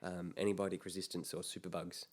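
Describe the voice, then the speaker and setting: Deep-voiced man explaining health. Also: level tone, quick pace. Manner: explanatory, drops into mock voices. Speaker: podcast co-host. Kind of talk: casual health chat.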